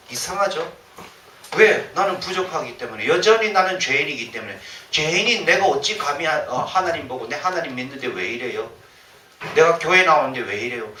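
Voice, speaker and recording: A man's voice: a little high, a little hiss or hum. A male pastor preaching a sermon, acting out the complaints of the people he quotes. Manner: animated, acts out quoted complaints. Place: church sanctuary. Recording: roomy church sound from a distant mic, faint ambience.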